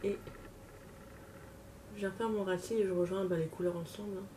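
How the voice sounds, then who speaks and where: A woman's voice: medium pitch, fairly even intonation, brisk, dark tone. A woman vlogger chatting casually and poking fun at herself as she shows her makeup step by step. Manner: chatty, self-mocking, talks while working. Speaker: beauty vlogger. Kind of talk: casual makeup tutorial chat. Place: home, at a makeup table. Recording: distant mic with clear room noise.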